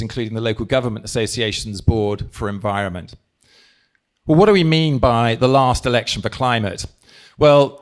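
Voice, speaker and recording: Before a live crowd, this English party leader speaks with forceful emphasis, drawing out his phrases slowly. His voice is mid-range, and he holds the mic in his hand.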